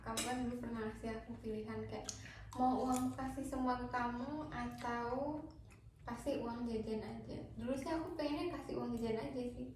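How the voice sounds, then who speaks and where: A woman's voice: on the high side, steady tone, normal speed. A woman from Indonesia chatting casually over a meal as the host of a vlog. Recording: very echoey room, distant mic, clear noise.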